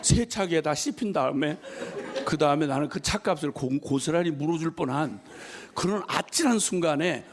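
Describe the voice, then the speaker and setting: A middle-aged man preaching a sermon, telling a personal story in an animated way and acting out the lines of an angry man with laughter. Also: a little high, normal speed. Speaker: missionary preacher.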